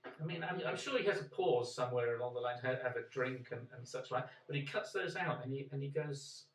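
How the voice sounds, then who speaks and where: A man from Yorkshire with a Yorkshire accent, co-hosting a casual chat and rambling with halting restarts. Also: medium pitch. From Yorkshire, England. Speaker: co-host. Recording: roomy echo, mic at a distance.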